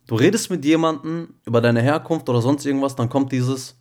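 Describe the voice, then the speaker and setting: Speaking a bit fast in a mid-range, slightly mellow voice, this young podcast co-host chats casually in street slang. He calls the other man "bro" again and again and keeps asking if he follows.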